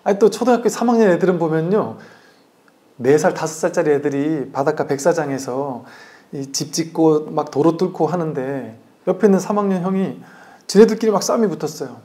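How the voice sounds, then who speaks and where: Mellow-voiced monk giving a chatty sermon. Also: male voice, fairly high pitch, fairly quick. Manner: conversational, acts out quoted voices, asks the audience questions. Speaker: Buddhist monk giving a dharma talk.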